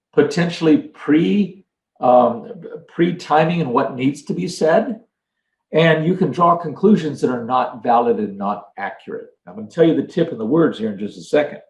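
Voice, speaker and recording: A man's voice: on the high side, a little mellow, roomy sound, low-quality recording. An older man giving an earnest leadership talk, telling stories and acting out quotes. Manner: earnest, storytelling with acted quotes. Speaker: leadership trainer. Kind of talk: motivational talk.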